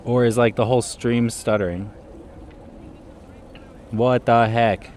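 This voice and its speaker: A man's voice: medium pitch, steady tone, takes it slowly, darkish tone, slight background noise. Man on a dropping mic, uneven volume. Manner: chatty, talks straight to his viewers. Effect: audio cutting out, uneven volume. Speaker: live streamer. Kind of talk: casual outdoor live stream chat. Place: outdoors in a city park. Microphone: wireless clip mic.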